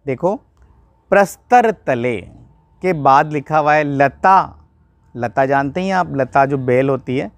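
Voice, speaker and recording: Slow, repetitive Hindi-speaking male teacher. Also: medium pitch, vocal fry, no room sound. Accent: Rajasthani Hindi. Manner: repeats each phrase slowly, then glosses it. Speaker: Sanskrit teacher. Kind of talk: line-by-line verse explanation lesson.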